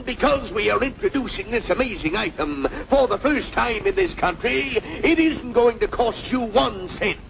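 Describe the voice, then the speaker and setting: A man playing a fast-talking, sly medicine-show pitchman in a vintage cartoon, hawking bombastically with a gravelly voice. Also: fairly bright tone, exaggerated voice. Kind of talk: carnival barker sales pitch in vintage cartoon. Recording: noisy vintage cartoon soundtrack.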